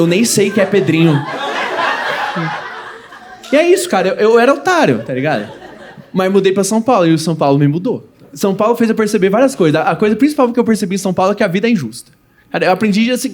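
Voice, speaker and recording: A man's voice: high-pitched, big pitch swings, background noise. A young man from Goiás, Brazil, performing a stand-up comedy set on stage and acting out quoted lines between laughs. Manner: fast storytelling with acted quotes and audience laughs. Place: comedy stage before a live audience.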